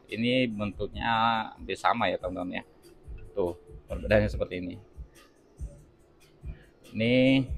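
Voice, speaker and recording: Chatty man reviewing a TV, low voice. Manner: addresses viewers as teman-teman, chatty, explains while handling the product. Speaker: product reviewer. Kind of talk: casual unboxing review.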